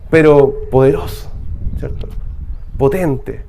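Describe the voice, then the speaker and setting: Chilean pastor guy, chatty sermon, keeps asking the church questions, soft faint hiss behind. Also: medium pitch, takes it slowly, vocal fry. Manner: conversational preaching with rhetorical questions.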